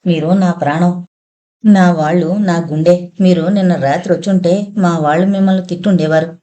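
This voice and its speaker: A woman's voice: lowish voice, fairly even intonation, moderate pace, warm tone, close to an everyday voice. A woman reading a tearful young wife pleading. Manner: pleading, apologetic.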